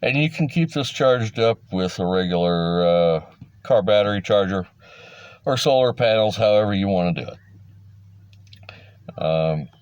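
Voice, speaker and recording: The recording is muffled, but the middle-aged man's low voice comes through clear, resonant and a little mellow. As a hobbyist presenter, he delivers a casual, rambling explainer monologue in a folksy, plain-spoken style for fellow enthusiasts.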